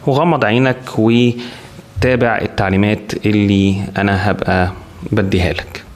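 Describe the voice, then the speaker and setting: A man with an Egyptian accent guiding a meditation in a soothing, calm, unhurried manner, leaving long pauses between short instructions. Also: on the low side. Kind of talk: guided body scan meditation. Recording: music behind the voice. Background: clear background music.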